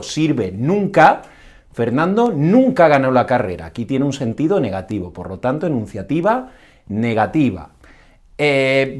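A man's voice: medium pitch, a little mellow. A man teaching a grammar lesson, explaining each sentence type step by step. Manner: explains step by step with varied intonation. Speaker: language teacher.

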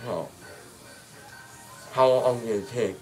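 Someone holds a phone near a teenage boy in a small dental clinic room as he chats slowly and aimlessly after having his wisdom teeth out. Gauze and numbness muffle his mid-range voice, and faint music can be heard.

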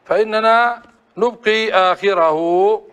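A man's voice: high-pitched, takes it slowly, a bit bright, smooth. A man teaching a classroom grammar lesson, often asking the class short prompting questions. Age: adult.

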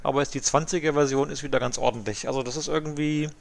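A man's voice: on the high side, fairly even intonation, fast talker, creaky. A man giving casual flight simulator commentary as a pilot, muttering to himself and mixing in English aviation terms.

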